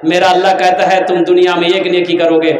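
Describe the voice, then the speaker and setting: A man with a high, ringing voice preaches at a religious gathering. He makes playful, sing-song appeals for donations. His voice carries through a roomy, echoing loudspeaker sound. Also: little pitch movement, brisk. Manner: humorous, sing-song appeals, mixing in local dialect. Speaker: Islamic preacher. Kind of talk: fundraising sermon at a religious gathering. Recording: echoey PA sound.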